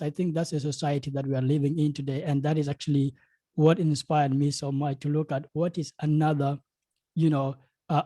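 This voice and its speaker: A man's voice: fairly high pitch, dark tone, no room sound. A young man from South Sudan, speaking earnestly as a panelist in a video call, with many fillers and repeated words. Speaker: panelist, game studio founder. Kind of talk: panel discussion remarks.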